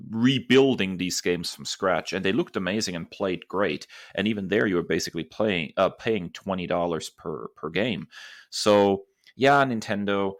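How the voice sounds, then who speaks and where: A deep-voiced man co-hosts a podcast, speaking casually and conversationally while putting stress on his opinions. The recording is dry, with essentially no room sound.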